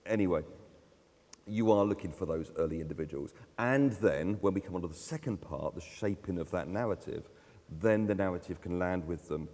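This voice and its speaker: A man's voice: deep voice, mellow. A man speaking at a conference, talking conversationally with fillers and the odd laugh. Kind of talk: live talk at a conference. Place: conference hall. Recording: long hall reverb.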